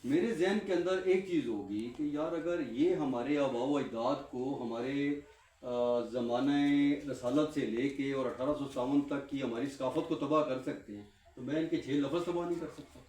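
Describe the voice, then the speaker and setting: A man's voice: mid-range voice, a little mellow. A man giving an impassioned classroom talk to trainees, asking rhetorical questions and answering them himself with lots of repetition. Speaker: guest speaker addressing trainees. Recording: echoey room, mic far off.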